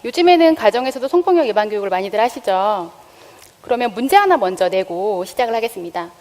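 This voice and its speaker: A woman's voice: medium pitch, very animated, fast talker, a little mellow. A woman school health teacher giving a public lecture, drawing in the audience with questions. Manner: engaging, asks the audience questions. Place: lecture stage before an audience. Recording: long reverb of a lecture hall.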